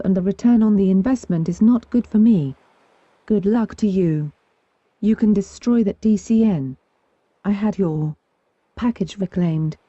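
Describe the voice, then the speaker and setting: A woman reading forum posts aloud at a steady pace, spelling out abbreviations letter by letter. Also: medium pitch, no echo. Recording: dull, lo-fi dry recording.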